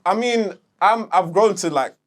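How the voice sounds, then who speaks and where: A young man, co-hosting a casual podcast chat, animated and quick to swear and laugh. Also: sits high, heavy background noise. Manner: animated, swears and laughs, acts out his own inner voice. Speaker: podcast co-host.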